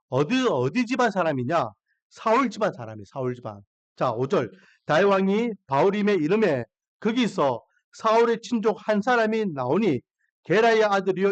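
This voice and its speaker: A man's voice: high voice, no echo. A male pastor preaching a sermon, asking the congregation questions and acting out the voices of Bible figures. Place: church sanctuary.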